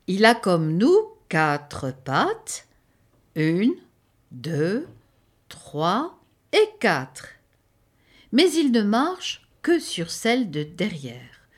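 A fussy she-chimpanzee schoolteacher, put on by a woman reading aloud, lectures her class in a lifted, sing-song storybook voice. She lingers over each word, slow and precise, with a lively rise and fall. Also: mid-range voice, heavily acted. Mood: didactic. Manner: carefully articulating, lecturing.

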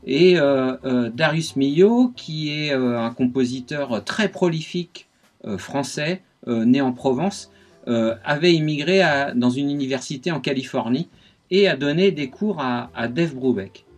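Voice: medium pitch, animated, unhurried. A radio guest explaining jazz rhythms, speaking patiently with many hesitations and counting beats aloud.

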